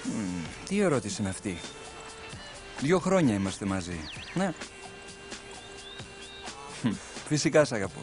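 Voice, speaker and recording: A man dubbing a patient young man in a telenovela who soothes and calms the others. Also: lowish voice, long pauses, over music. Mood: tender. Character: patient young man, boyfriend and band member. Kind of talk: Greek TV dub of a telenovela.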